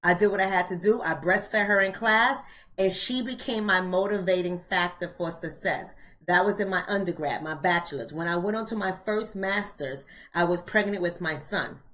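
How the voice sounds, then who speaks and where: Talking at normal speed in a lowish, fairly bright voice, an American woman about forty hosts a live online book club. Her casual, colloquial style speaks right to viewers, with phrases repeated for emphasis.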